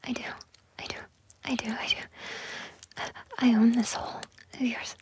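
Fairly high and with little pitch movement, her breathy whisper unfolds slowly in an intimate audio roleplay. She sounds coaxing and possessive, circling back to the same soft words many times.

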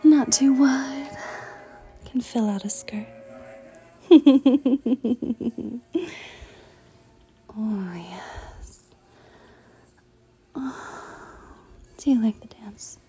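A woman in an intimate audio roleplay, talking in a flirty, playful way with retro slang, often dropping to breathy whispers and giggling. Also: on the high side, very slow, long pauses, mellow, soft background music.

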